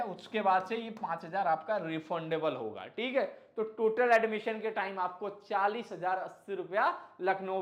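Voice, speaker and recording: An admissions guidance teacher with a high, fairly bright voice gives a casual explainer lesson on admissions. He's chatty and repetitive, addressing viewers as kids and brothers.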